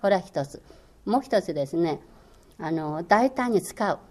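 This older woman talks a little slowly, her lowish voice darkish in tone but lively in intonation. A native Chinese speaker who formerly lectured on languages over the radio, she responds to interview questions in an earnest, encouraging way with frequent hesitant fillers.

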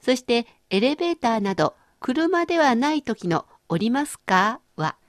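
Lively woman hosting a language lesson. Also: a little high, normal speed, no echo, studio quality. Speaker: language course host.

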